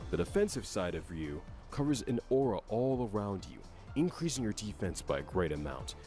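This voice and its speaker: Faint background music accompanies a man's scripted game explainer. He speaks at a normal speed in a fairly low voice with lively intonation.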